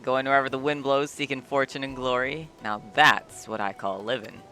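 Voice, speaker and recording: A man voicing a talkative old male ship merchant, gruff and rambling. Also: mid-range voice, steady tone, moderate pace, bright, forceful tone, soft background music, natural voice. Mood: curious. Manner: gruff and rambling, drops dialect words.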